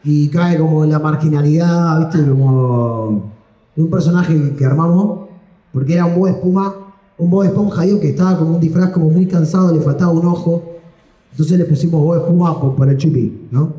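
A man's voice: on the high side, fairly quick, warm tone. Rambling Argentine man doing stand-up. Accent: Argentine Spanish. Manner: rambling, slangy, self-deprecating. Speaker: stand-up comedian. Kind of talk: live stand-up storytelling. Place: comedy stage. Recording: echoey live room.

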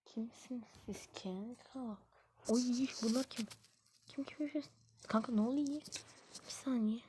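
A woman hosting her own gaming channel, giving excitable live gameplay commentary full of exclamations and quick frustration. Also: fairly high pitch, slight background noise.

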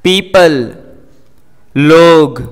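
A man's voice: a little high, extremely slow, smooth, in a large hall. A man teaching English words with their meanings, saying each word and its meaning twice and explaining pronunciation to students. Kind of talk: vocabulary lesson.

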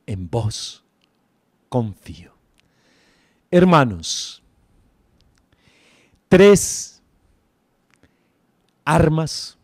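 Casting: male priest, fairly high voice, unhurried and emphatic sermon, close and dry. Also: no room sound. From Colombia. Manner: emphatic, repeats key phrases.

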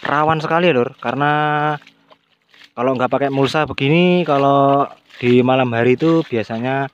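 A man's voice: mid-range voice, normal speed, lo-fi sound, a little hiss or hum. Chatty man in a chili field. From Central Java, Indonesia. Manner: chatty, addresses viewers as "Lur" often. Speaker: chili farmer vlogger. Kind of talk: casual farming tutorial vlog.

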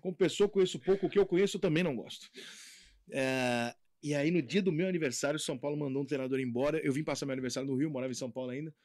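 A man hosting an interview, chatting in a rapid, joking, profane banter. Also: a little high, darkish tone, no echo, studio quality. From Brazil. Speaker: interview host. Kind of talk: casual interview chat.

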